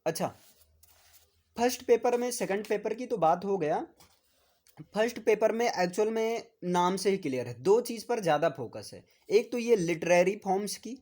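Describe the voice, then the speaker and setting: A man's voice: high voice, animated, normal speed, a little mellow. A man with a Hindi accent giving a classroom lecture, repeatedly asking "है ना?" and spelling words out for his students. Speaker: teacher.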